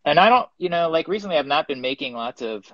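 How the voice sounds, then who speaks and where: Expressive and fast, with a voice on the high side, this ceramic artist talks casually from his pottery studio on a live video stream, rambling with many ums as he displays his work. The phone or webcam audio has no room sound and the highs cut off.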